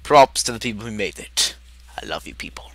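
A woman's voice: extremely low pitch, brisk, no room sound. A woman voicing a manic, giggling male villain clown, reacting to videos in character with crude, theatrical remarks. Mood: gleeful, unhinged.

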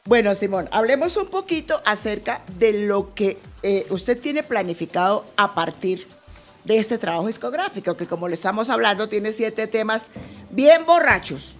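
A woman's voice: medium pitch, animated, moderate pace, soft background music. A woman hosting a casual radio interview, asking playful, teasing questions. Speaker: radio host.

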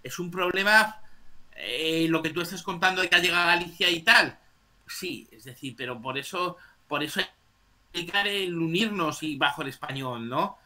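A man's voice: a little high, normal speed, bright, forceful tone. A man from Spain with a Spanish accent, hosting a casual online debate and rambling with frequent tag questions.

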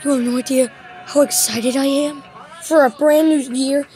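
A woman's voice: sits high, fairly even intonation, normal speed, dark tone, faint music behind. A woman hosting a casual home video while watching a New Year countdown, giddy, laughing and counting down aloud. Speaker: channel host.

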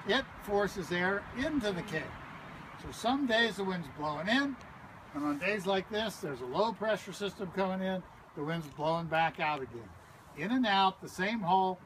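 Male park ranger guiding a cave tour. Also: sits high. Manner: patient, explanatory, checks in with "okay?". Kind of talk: guided cave tour talk. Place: visitor center lobby, then inside a cave. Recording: echoey cave with loud ambient noise.

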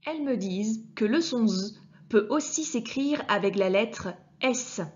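Slow, patient woman teaching children. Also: on the high side, animated, darkish tone, dull audio. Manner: patient, addresses the child directly, deliberately articulated sounds. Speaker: primary school teacher. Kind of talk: slow, clear reading lesson for children.

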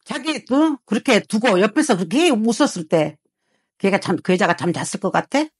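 A woman's voice: mid-range voice, lively intonation, fairly quick, slightly rough, dry recording, clean studio sound. A woman fortune teller harshly scolding a client, swearing and prodding him with rhetorical questions. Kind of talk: heated consultation with a client.

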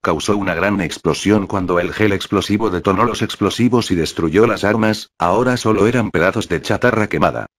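Male fanfic narrator, very low pitch, steady flat delivery. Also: a little fast, hardly any pauses.

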